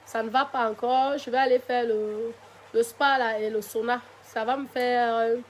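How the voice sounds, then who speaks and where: High-voiced tired woman, Cameroonian French accent. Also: steady tone, moderate pace, a little hiss or hum. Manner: defiant, addresses viewers directly with pet names. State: tired, voice still recovering. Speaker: live-stream host. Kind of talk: casual live-stream monologue.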